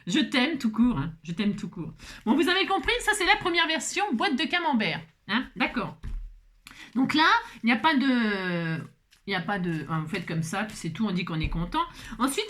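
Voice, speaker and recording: A woman's voice: on the high side, a bit bright. A woman giving a casual crafting tutorial, chatting to viewers with playful, self-mocking asides and a constant "hein". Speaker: craft vlogger.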